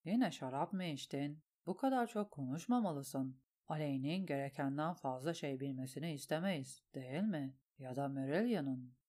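A woman doing a calm, scheming low-voiced lord. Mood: smooth. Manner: soothing, measured, quietly manipulative.

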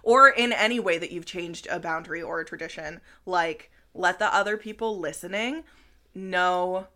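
A woman in her thirties co-hosting a podcast in relaxed casual chat, with many fillers, sometimes dropping to a near whisper. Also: lowish voice, normal speed. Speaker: podcast co-host.

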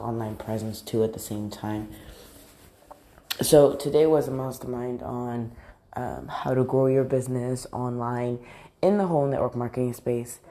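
Recording from a large bathroom, a woman hosts a motivational podcast in an extremely low, mellow voice with slight background noise. She is upbeat and repetitive, full of fillers, and sounds groggy, her morning voice roughened by a slight cold.

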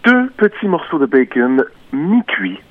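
A man putting on a pompous food expert caller who delivers absurd reviews with a straight face. His voice sits fairly high, swings widely, and comes across dry and close. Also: measured pace, no room sound, narrow, tinny audio, full character voice. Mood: deadpan. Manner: mock-serious, deadpan reviewing. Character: self-styled male culinary expert, pompous and deadpan.

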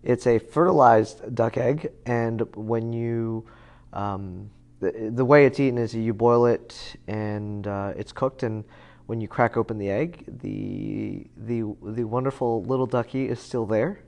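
A man's voice: medium pitch, fairly even intonation, measured pace, vocal fry, a little mellow. A man in his thirties, a guest in a casual conversation, talking in a rambling way with many fillers and restarts. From United States. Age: 30s.

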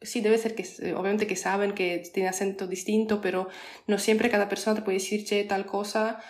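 A woman's voice: mid-range voice, level tone, brisk, echoey room. A woman whose first language is Polish, a podcast guest explaining things patiently in a hesitant, casual way with many fillers and restarts. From Poland. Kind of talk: casual interview chat.

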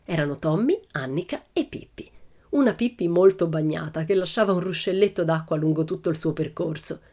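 Children's audiobook narrator: woman, low and warm, storytelling tone. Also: animated, fairly quick.

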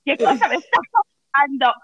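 A woman's voice: high-pitched, brisk, fairly bright tone, dry recording. A woman with a Cuban accent telling a funny personal story in a dramatic, self-mocking way. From Cuba. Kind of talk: comic storytelling chat.

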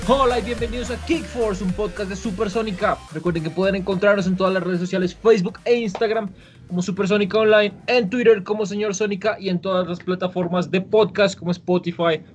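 A man hosting a casual podcast chat, quick and chatty, asking his guests lots of questions. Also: high-pitched, steady tone, soft background music. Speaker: podcast host.

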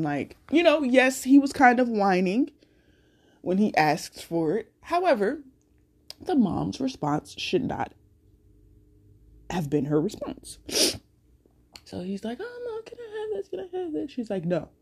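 A woman's voice: on the low side, vocal fry, dark tone, breathy edge. A woman hosting a casual solo podcast, speaking bluntly and cursing a lot as she tells a story with speech. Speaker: podcast host.

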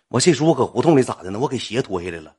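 A man with a Northeastern Chinese accent telling a comic story in a rambling, colloquial, animated way. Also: medium pitch, rapid-fire, husky.

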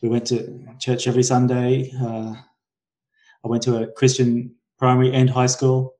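In a casual conversational interview, a Brisbane man in his forties with a Queensland Australian accent appears as a podcast guest, speaking hesitantly with frequent self-corrections, rephrasing, and trailing thoughts. His medium-pitched voice is monotone and dark at a normal speed. The recording quality is low.

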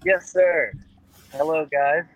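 A man's voice: on the high side, steady tone, slow, dry recording. A sociable, laid-back man from Louisiana with a faint Southern accent, chatting casually as a podcast guest. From Louisiana, United States. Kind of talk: casual chat.

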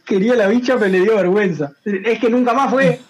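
Un hombre de San José, Uruguay, con acento uruguayo, invitado de una charla, que cuenta anécdotas de forma relajada y con mucha jerga. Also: male voice, sits high, a little fast, slightly rough. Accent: Uruguayan Spanish. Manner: relaxed storyteller, slangy, repeats phrases. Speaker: guest, singer and streamer. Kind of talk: casual chat, telling anecdotes.

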